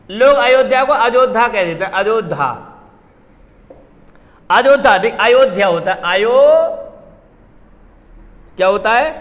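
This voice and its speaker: A man's voice: very high-pitched, a bit bright. A man teaching Hindi spelling, drilling each word and quizzing his class with repeated questions. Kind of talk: classroom lesson. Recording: long hall reverb.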